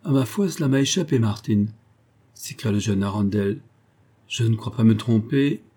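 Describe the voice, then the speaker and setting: A man reading an earnest young English gentleman. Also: lowish voice, expressive, normal speed. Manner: earnest, indignant in defence of a friend. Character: eager warm-hearted young English gentleman. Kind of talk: audiobook character voice.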